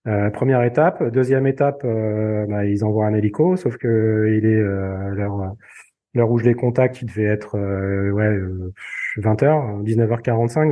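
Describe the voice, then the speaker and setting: A man telling a personal story in casual conversation, halting and full of fillers and repeated words. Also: on the low side, dark tone, muffled recording. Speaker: podcast guest.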